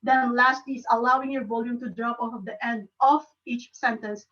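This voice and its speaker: A woman with a Filipino accent giving a club talk on speaking, halting and restarting often. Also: on the high side, fairly even intonation, a bit bright, distant mic, highs cut off. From Philippines. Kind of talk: educational talk.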